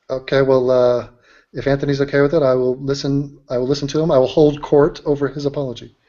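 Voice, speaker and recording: A man's voice: mid-range voice, fairly even intonation, fairly quick, warm tone. A man hosting a casual chat, joking and teasing his guests. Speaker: host. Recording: dull lo-fi audio.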